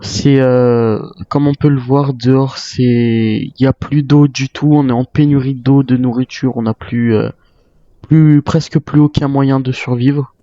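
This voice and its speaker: A gamer in a survival roleplay improvises the thoughts of a tired former soldier, musing aloud with hesitation. A dull, roomy mic captures his mellow, medium-pitched voice, delivered at a measured pace with fairly even intonation.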